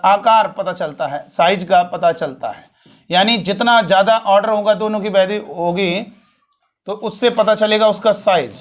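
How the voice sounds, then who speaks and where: A man teaching a maths class as a lecture, repeating key points and calling his students "beta". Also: sits high. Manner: tells student anecdotes, acting out dialogue.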